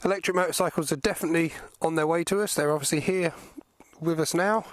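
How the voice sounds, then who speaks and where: A man's voice: a little high, steady tone, fast, no echo. A man speaking from inside a motorcycle helmet, giving a casual spoken review as he rides outdoors, with wind and road noise around the mic. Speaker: vlogger test-riding a motorcycle.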